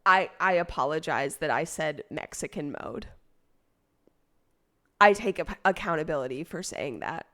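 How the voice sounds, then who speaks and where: A woman streamer in casual chat, expressive and playfully defensive. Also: low voice, measured pace, long pauses.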